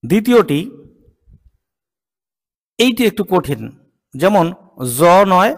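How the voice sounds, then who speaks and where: A man teaching English consonant sounds in a slow lesson. He says each sound patiently and repeats it several times. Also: high voice, very animated, big-room sound. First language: Bengali. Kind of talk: slow spoken pronunciation lesson.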